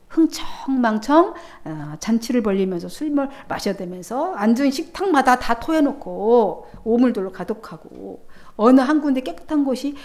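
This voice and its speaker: 수요 예배에서 설교하는 여성 목사로, 비웃는 사람들의 말을 목소리를 높여 흉내 내며 말한다. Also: female voice, on the high side, mellow. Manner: acts out scoffing quotes with raised voice. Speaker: pastor. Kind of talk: sermon. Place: church.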